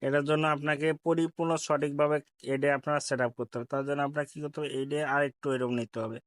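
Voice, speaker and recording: Dry, clear-voiced man walking through app steps. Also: on the high side, flat delivery, fast talker, no room sound. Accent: Bangladeshi Bengali. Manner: repetitive step-by-step instruction, addresses viewers politely. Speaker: tech tutorial host. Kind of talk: screen-recorded app tutorial.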